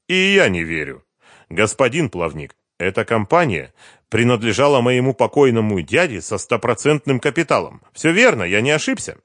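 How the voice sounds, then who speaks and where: A man's voice: mid-range voice, big pitch swings, moderate pace, a bit bright, no echo, clean studio sound, pitched above the performer's own voice. A man voicing a firm young male heir who speaks coldly and curtly. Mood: stern. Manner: cold, curt and firm.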